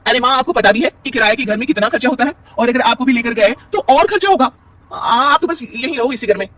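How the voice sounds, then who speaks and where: A man voicing a spoiled, bossy young married woman with a shrill, whining voice. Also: expressive, fast, sharp tone, recorded from a distance, full character voice.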